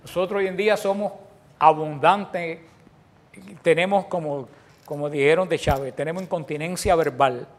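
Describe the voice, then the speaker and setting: The preacher speaks at normal speed in a fairly high voice, questioning his congregation and answering on their behalf. He frequently restarts phrases and moves between loud and soft delivery.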